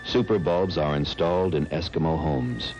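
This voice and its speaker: A man's voice: extremely low pitch, moderate pace, rough recording. A man reading solemn, documentary-like scripted narration for a TV commercial. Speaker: commercial announcer. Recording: old TV ad, loud music bed.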